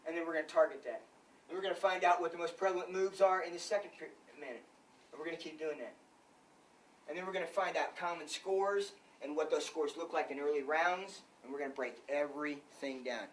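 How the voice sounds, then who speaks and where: A man's voice: a little high, fairly quick, recorded from a distance, slight background noise, poor audio. An older man, a wrestling coach, giving an emphatic clinic talk full of rhetorical questions.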